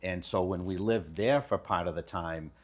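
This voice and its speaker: A man's voice: low-pitched, moderate pace. A man in his fifties from Lebanon, a business owner, telling his life story casually and candidly with some slang. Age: 50s. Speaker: guest, kitchen design business owner.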